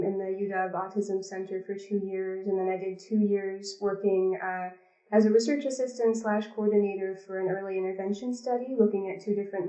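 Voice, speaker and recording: A woman in her thirties from the Pacific Northwest, a behavior analyst, speaks as a guest in a casual interview, full of ums and restarts. Her voice is mid-range and dark in tone. The call audio sounds lo-fi and roomy.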